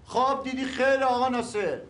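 Hot-tempered local, very high voice, flattering, then loud and pushy, TV drama. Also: male voice. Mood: angry. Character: hot-tempered neighborhood man guarding his inheritance. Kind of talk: TV series acting.

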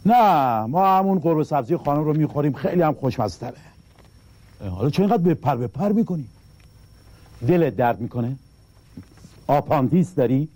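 A good-natured husband who boasts that he never turns anyone down. His husky, mellow voice swoops up and down as he teases and exclaims. The sound is dry and close. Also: a little high, expressive, long pauses, no echo. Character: good-hearted middle-aged husband who never refuses favors. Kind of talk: comedy drama acting.

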